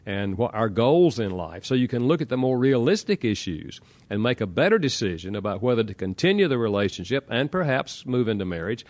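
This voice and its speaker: An author from the Southern United States answers interview questions with a Southern accent, explaining calmly and walking through examples. His voice is medium in pitch.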